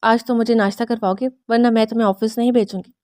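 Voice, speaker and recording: A woman's voice: fairly high pitch, little pitch movement, a little mellow, dry recording, clean studio sound, close to an everyday voice. A woman reading the lines of an emotional young wife who bristles at her husband's jokes. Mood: indignant.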